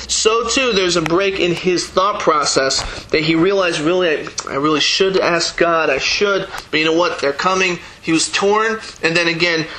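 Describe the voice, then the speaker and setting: A man's voice: a little high, bright, forceful tone, a little hiss or hum, low-quality recording. A man teaching a Torah class, reading verses aloud and explaining them with frequent restarts. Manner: halting, restarts, reads Hebrew verses then translates. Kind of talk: verse-by-verse text study lesson.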